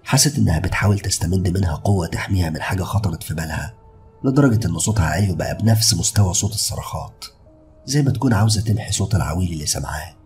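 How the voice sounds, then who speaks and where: A man with an Egyptian accent narrating a first-person horror story in a steady, brooding way. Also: deep voice, racing, faint music behind. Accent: Egyptian Arabic.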